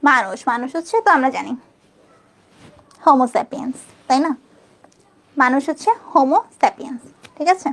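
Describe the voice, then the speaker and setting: A young woman teaches an online exam-prep biology class in a high, light voice. She breaks scientific names into syllables, spells them letter by letter and repeats them patiently. She keeps asking her students if they are following. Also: animated, a bit bright. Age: young adult. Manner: spells out names slowly and repeats them, often checking with "okay?".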